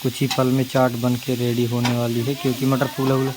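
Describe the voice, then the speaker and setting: A man's voice: medium pitch, completely flat delivery, brisk, noisy background. A man vlogging at home while his sisters cook, chatty and teasing as he gives orders. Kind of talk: casual vlog narration.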